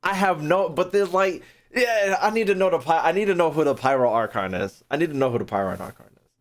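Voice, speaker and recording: Brisk and slightly high, with lively intonation, a man provides slangy gaming commentary as a streamer answering his live chat. He swears without restraint and repeats phrases as he thinks aloud.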